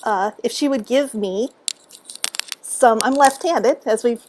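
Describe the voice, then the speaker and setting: A woman telling a story to camera in a relaxed, animated way, acting out what people said and laughing along the way. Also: a little high, takes it slowly, a little hiss or hum. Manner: animated, acts out quotes, laughs often. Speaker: author and speaker. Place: at home.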